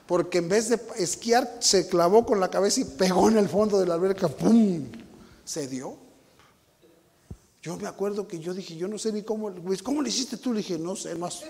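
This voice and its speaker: A high-pitched, gravelly Mexican preacher telling a story to his congregation, acting out sounds and rising to shouts. His voice rings with the long reverb of a large hall. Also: moderate pace. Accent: Mexican Spanish. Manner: animated storytelling, sound effects, shouting climaxes. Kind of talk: sermon with personal anecdote.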